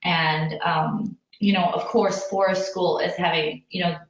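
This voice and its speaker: Hosting an online parenting community chat, this Indiana woman conducts a casual video interview with effusive, meandering talk. She speaks unhurriedly in a lower register with fairly even intonation, and the audio comes through a distant, muffled mic in a very echoey room.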